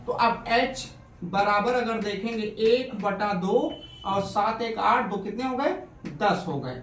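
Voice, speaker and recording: A man's voice: high voice, animated, slow, a bit bright, slight background noise. A male chemistry teacher coaxing his pupils through a lesson, asking questions and answering them himself. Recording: echoey room, recorded from a distance.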